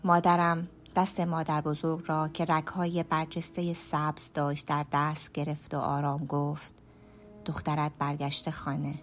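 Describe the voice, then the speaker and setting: A woman storyteller narrating a first-person radio story in a hushed, measured way, sometimes dropping to a whisper. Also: deep voice, level tone, soft background music. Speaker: storyteller and writer.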